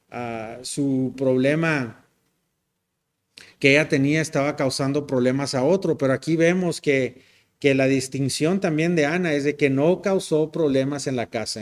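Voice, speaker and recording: A man's voice: mid-range voice, a little mellow. Joking preacher man. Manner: conversational and joking, frequent tag questions, mixes in English words. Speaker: pastor. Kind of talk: sermon.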